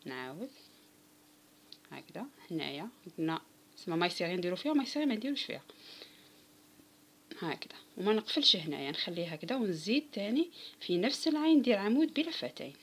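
A woman's voice: medium pitch, sing-song, fast talker, long pauses, slightly rough. A woman with an Algerian Arabic accent giving a step-by-step crochet tutorial, patiently counting stitches aloud and talking straight to her viewers. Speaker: crochet instructor.

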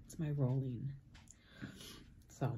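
A woman vlogger chatting casually as she reviews pizza, pausing often with fillers and "like". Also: extremely low pitch, fairly even intonation, background noise. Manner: hesitant, many fillers and "like". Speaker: mukbang vlogger. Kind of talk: casual food review chat.

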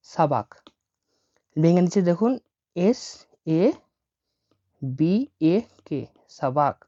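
A woman who speaks Bengali as her first language teaches a language lesson, spelling words out letter by letter and repeating each one slowly. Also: on the low side, a little mellow. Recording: dull lo-fi audio.

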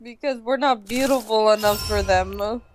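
A woman's voice: medium pitch, normal speed, noisy background. A woman co-hosting a game stream, making dry, joking remarks in casual chat. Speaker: co-host. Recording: faint game music behind.

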